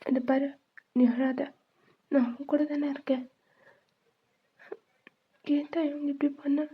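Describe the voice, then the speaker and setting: A woman's voice: high-pitched, flat delivery, slow. A woman voicing a grieving young woman who pleads with her dead lover in a tearful manner. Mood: pleading. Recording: tinny phone-like sound.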